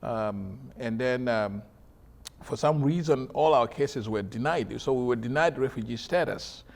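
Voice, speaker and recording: A man's voice: mid-range voice, a little slow, gravelly. A man from South Sudan, a doctor, telling his story as an interview guest, hesitant with many fillers. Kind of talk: interview conversation.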